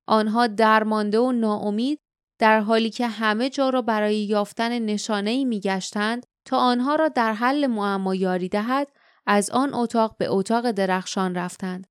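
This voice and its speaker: Clear-voiced woman reading an audiobook. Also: no echo, studio quality. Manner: reads dialogue in light character voices, raising pitch for quotes. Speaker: audiobook narrator. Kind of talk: scripted narration.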